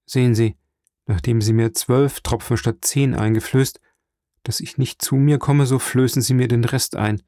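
A man voicing a dying old priest in an audiobook, slow, earnest and fatherly, weak and failing. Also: medium pitch, fairly even intonation, mellow, dry recording, clean studio sound, lightly acted. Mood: instructing. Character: dying old male priest, gentle and solemn. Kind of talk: audiobook character reading.

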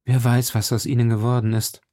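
A man's voice: mid-range voice, little pitch movement, brisk, warm tone, close to an everyday voice. D'Artagnan, a man doing a fiery young swordsman. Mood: anxious. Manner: agitated, urgent. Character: young man of twenty, hot-tempered swordsman.

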